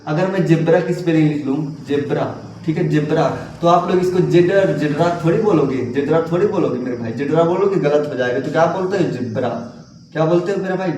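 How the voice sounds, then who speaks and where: A man's voice: on the high side, a little mellow, far from the mic, slight background noise. A man teaching English letter sounds, who keeps asking questions and answering them himself and calls his viewers brother. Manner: repetitive, asks and answers his own questions. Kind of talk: classroom lesson. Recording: very echoey room, voice away from mic.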